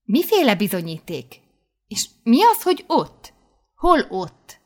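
A woman voicing a nosy, excitable teenage schoolgirl who keeps pressing with questions in an audiobook. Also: mid-range voice, lightly acted. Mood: prying. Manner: insistent, prying questions. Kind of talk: audiobook character voice.

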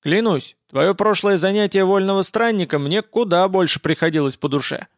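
A man's voice: high voice, moderate pace, dry recording, clean studio sound, pitched above the performer's own voice. A man reading a story voices a big, boastful warrior who grumbles pompously about his faith and his courage. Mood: grumbling.

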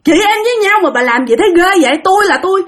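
A woman's voice: on the high side, expressive, fast, lightly acted. A woman voicing a young woman protesting her innocence in exasperation. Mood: indignant, protesting. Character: indignant young woman wrongly accused.

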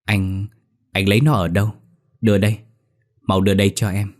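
A man's voice: lowish voice, flat delivery, brisk, close to an everyday voice. A man voicing a sobbing, pleading young wife. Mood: frantic. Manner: begging, tearful, rising to cries.

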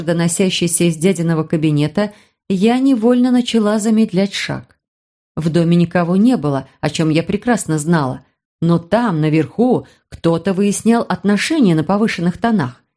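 Woman reading a story aloud, first person, steady, kinda low voice. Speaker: audiobook narrator. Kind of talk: first-person scripted narration.

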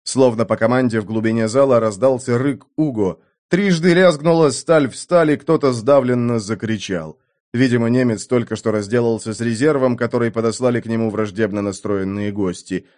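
A man reading an adventure novel aloud in a mid-pitched voice, with lively, dramatic delivery of the action scenes. Expressive audiobook narration. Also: moderate pace.

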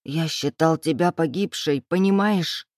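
An audiobook reader voicing a desperate man pleading with the woman he loves, in a low, urgent tone close to the reader's own voice. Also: unhurried, a little mellow, no echo, lightly acted.

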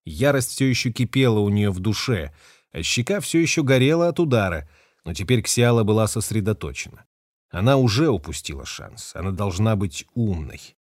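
A man narrating an audiobook in a dramatic, expressive reading. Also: fairly low pitch, moderate pace, no echo, clean studio sound. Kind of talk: scripted narration.

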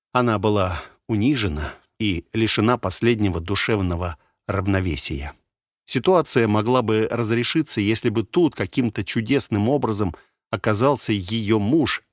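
Male audiobook narrator with a lowish voice, dramatic, measured delivery, dry close recording. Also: no room sound.

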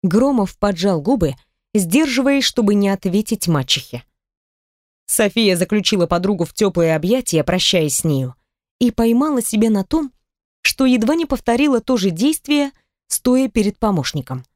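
A woman narrating an audiobook in an expressive, varied reading. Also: mid-range voice, normal speed, no room sound, studio quality. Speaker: audiobook reader. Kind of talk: scripted narration.

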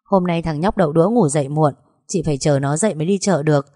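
A woman's voice: sits low, fast, warm tone, dry recording, studio quality. A woman voicing a friendly, chatty neighbor woman in a storybook reading.

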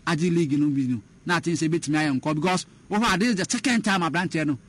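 A sports pundit with a slightly high, a bit bright voice talks football in rapid-fire fashion on a radio sports discussion. He switches between Twi and English, with frequent fillers and restarts.

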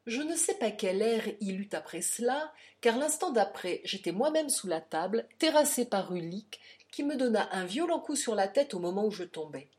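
Brief: woman audiobook narrator, first-person classic novel, steady and expressive. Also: medium pitch, moderate pace. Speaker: audiobook reader.

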